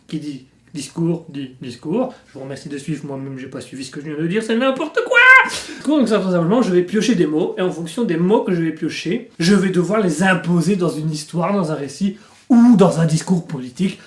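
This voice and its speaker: A man's voice: on the high side, darkish tone. Rambling self-mocking man, echoey room. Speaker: channel host. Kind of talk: comic improv vlog. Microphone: facing the camera.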